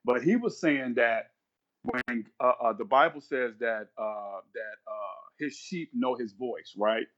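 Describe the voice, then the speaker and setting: This podcast guest, a minister in his fifties, talks slowly in a mid-range, slightly bright voice, with the highs cut off. He is earnest, repeats himself and brings in scripture, so the conversation leans toward preaching.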